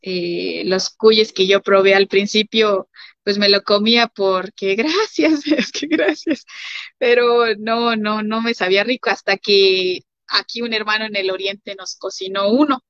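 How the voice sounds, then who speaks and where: A woman's voice: medium pitch, measured pace, fairly bright tone, no echo. A woman from Mexico with a Mexican accent, chatting as a guest and telling stories with many fillers. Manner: chatty, many fillers, acts out quoted voices. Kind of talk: casual testimony chat. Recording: dry, dull lo-fi sound.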